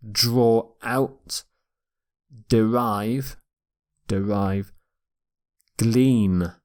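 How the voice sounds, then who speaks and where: A man teaching English vocabulary in a recorded lecture, repeating each word slowly and carefully for pronunciation. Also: mid-range voice, a little mellow. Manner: slow, deliberate, repeats words for pronunciation.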